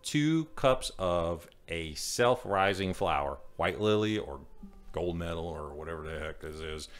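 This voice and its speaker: A man's voice: deep voice, expressive, measured pace. A middle-aged man, co-hosting a casual podcast and talking through a biscuit recipe with jokes and apologies. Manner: rambling, joking, says sorry a lot. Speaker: podcast co-host. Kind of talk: casual chat and recipe talk.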